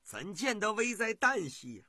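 A man's voice: high-pitched, very animated, normal speed, bright, forceful tone, breathy edge, no room sound, clean studio sound, voice pushed up, exaggerated voice. A man voicing a bewildered ancient king who stammers and fusses in a storytelling show. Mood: flustered. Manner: stammering, fussy.

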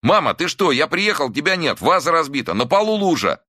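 A man voicing a big, scruffy grown son who shouts and scolds his mother in a frantic rage. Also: low voice, sing-song, fast, no room sound, studio quality, voice pushed up, exaggerated voice. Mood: yelling. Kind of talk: audiobook dialogue.

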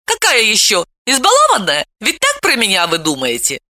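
A woman reading an audiobook, voicing a defiant, provocative young woman who talks loudly and cheekily. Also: a little high, wildly swooping pitch, moderate pace, no room sound, voice pushed up, full character voice. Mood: defiant, brash. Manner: loud, exclamatory, cheeky. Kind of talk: audiobook character voice.

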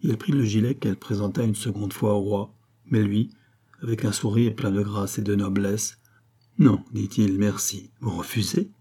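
Guy narrating an old novel, low mellow husky voice, steady. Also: normal speed. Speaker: audiobook narrator. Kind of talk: literary audiobook narration.

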